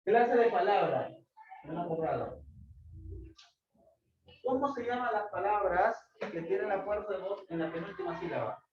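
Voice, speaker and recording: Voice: medium pitch, moderate pace, long pauses, a little mellow. A teacher questioning pupils one by one in a classroom lesson, strict and insistent. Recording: roomy dull recording, clear background noise.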